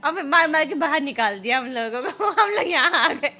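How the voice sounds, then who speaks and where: A woman's voice: sits high, expressive, brisk, pushed and bright, a little hiss or hum. A woman in playful family chat, laughing and exclaiming as she retells what a child tells her, with faint music behind. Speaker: family vlogger.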